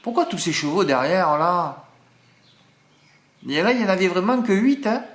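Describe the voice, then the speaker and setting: A man's voice: sits high, expressive, moderate pace. A man with a Marseille accent, talking casually as a horse racing tipster, chatty and self-mocking, tagging his sentences with little asides. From southern France. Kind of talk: casual monologue. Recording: echoey room.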